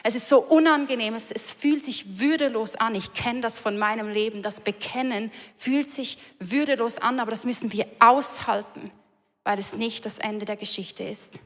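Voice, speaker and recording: A woman's voice: a little high, normal speed. A woman preaching a sermon in an earnest, emphatic way, repeating key lines. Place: large church hall. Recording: reverberant church hall.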